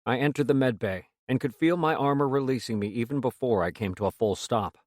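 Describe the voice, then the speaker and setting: Steady male audiobook narrator, dry close sound. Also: medium pitch, dry recording. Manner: measured, steady storytelling. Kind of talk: scripted first-person narration.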